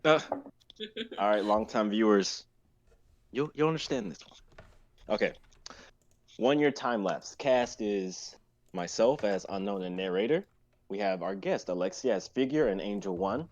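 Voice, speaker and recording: A man in his twenties, a writer and performer, chats casually on a group livestream, explaining things in a rambling, roundabout way. His voice sits on the low side with lively intonation, a measured pace and long pauses, and the high frequencies are cut off.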